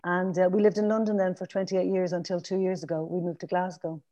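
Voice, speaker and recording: An Irish woman in her fifties with a Dublin accent chats rapidly as a podcast guest in a casual interview, rambling, restarting, and using fillers. Her fairly low, dark voice shows little pitch movement.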